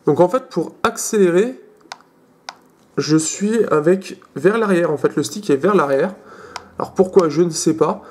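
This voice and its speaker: Young male tech host, a little high-pitched, casual and halting, lots of fillers. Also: darkish tone. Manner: hesitant, many fillers and restarts. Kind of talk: casual screen demo.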